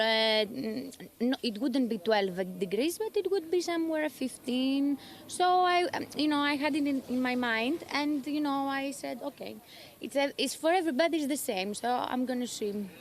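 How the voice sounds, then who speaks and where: A woman's voice: high-pitched, normal speed. A woman from Greece with a Greek accent, a triathlete answering trackside interview questions outdoors, hesitant and searching for words in English. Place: outdoors at a race aid station.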